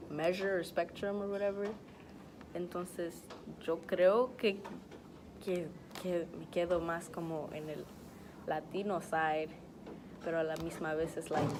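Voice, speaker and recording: A young woman answering interview questions hesitantly, mixing Spanish and English with many fillers. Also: on the low side. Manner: hesitant, many ums and likes. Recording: loud background noise.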